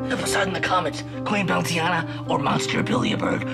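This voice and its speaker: A man hosting a channel, asking viewers to comment and signing off, over loud music. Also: a little high, a little fast, creaky. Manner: upbeat outro sign-off.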